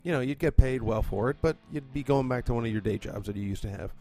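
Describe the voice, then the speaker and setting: This comedy podcaster, recording in his condo, talks fast in a mid-range voice with a darkish tone over soft background music. He's the show's host and producer, and his loose chatter is full of swearing and filler words.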